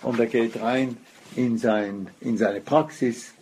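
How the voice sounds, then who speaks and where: A man telling a religious story as a lecture, unhurried and weaving Hebrew phrases into his talk. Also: mid-range voice, steady tone, darkish tone, a little hiss or hum.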